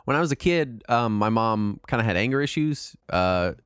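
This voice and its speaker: A man hosting a podcast in casual, jokey, self-deprecating chat, his throat raspy from a cold. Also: medium pitch, lively intonation, moderate pace, a bit bright, dry recording, studio quality. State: sick with a mild throat cold and cough. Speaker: podcast host.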